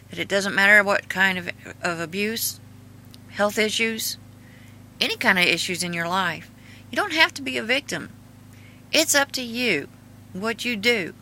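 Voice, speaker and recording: A woman with an Appalachian-style hillbilly twang casually reads her own writing aloud with asides, in a halting, folksy, earnest way. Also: medium pitch, bright, forceful tone, slight background noise. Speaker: video host and author reading own memoir.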